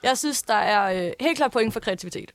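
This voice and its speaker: Hesitant Danish woman, slightly high voice. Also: expressive. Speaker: panel guest on a music show. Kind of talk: casual panel chat.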